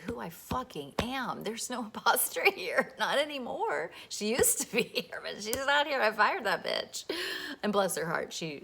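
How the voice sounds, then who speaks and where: A woman talking to camera as a self-help host, emphatic and swearing freely, dropping at times into soft whispered asides. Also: medium pitch, slight background noise. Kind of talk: motivational self-help monologue.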